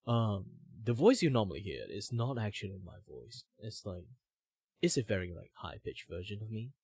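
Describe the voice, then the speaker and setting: A man's voice: fairly low pitch, moderate pace, breathy edge, dry recording, clean studio sound. A young man with a tired, strained voice and Mandarin as his first language, chatting loosely on a stream with lots of fillers. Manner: relaxed, rambling with many fillers. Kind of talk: casual livestream chat.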